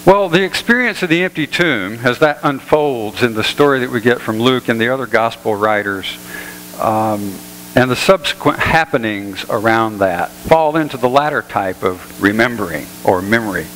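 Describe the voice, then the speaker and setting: A pastor giving a sermon in a church, telling jokes in an easygoing, folksy way. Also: male voice, medium pitch, expressive, moderate pace, fairly bright tone, in a large hall, a little hiss or hum, poor audio. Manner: folksy storytelling, easygoing humor. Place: church sanctuary.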